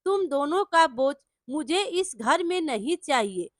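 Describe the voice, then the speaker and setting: A woman voicing a gruff, short-tempered village trader husband in a storybook tale, speaking harshly and scolding. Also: high-pitched, animated, a little slow, no room sound, studio quality.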